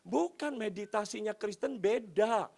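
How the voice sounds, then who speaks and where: A male pastor, telling a story in a sermon and acting out the dialogue, swinging from hushed asides to shouted points. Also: high-pitched, animated, a little slow, gravelly.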